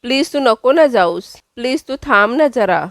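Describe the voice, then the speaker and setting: A woman voicing a worried cook who begs a coworker to stay, pleading and higher-pitched. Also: animated, moderate pace, dry recording, clean studio sound. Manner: pleading, begging.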